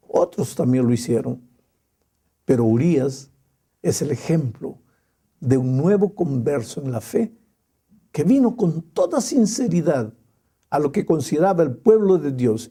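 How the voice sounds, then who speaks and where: A male pastor preaching a sermon in a slow, emphatic way with dramatic pauses. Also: on the high side, mellow, breathy edge.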